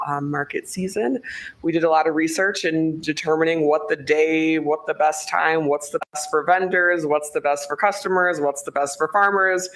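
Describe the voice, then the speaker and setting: A woman giving a formal presentation at a meeting in a low, slightly strained, unhurried voice. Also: low-quality recording. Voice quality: lower than usual, strained voice. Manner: low, unhurried delivery with pauses. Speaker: city staff presenter. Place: council meeting room.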